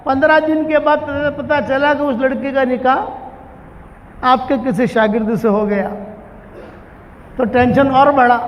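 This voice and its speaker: A man preaching a storytelling sermon, animated, acting out the characters' dialogue as he tells the tale. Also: very high voice, slight background noise. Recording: dull, muffled recording in a large reverberant hall.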